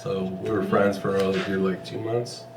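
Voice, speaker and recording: A man's voice: deep voice, flat delivery, moderate pace, reverberant, far from the mic, a crowd in the background. A man in a band, chatting casually in an interview, laid-back and joking, swearing now and then. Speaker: band member. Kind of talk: casual chat.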